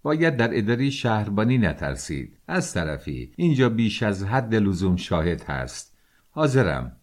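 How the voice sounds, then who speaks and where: A man voicing a cold, self-assured gentleman who accuses and lectures in a calm, measured way. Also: on the low side.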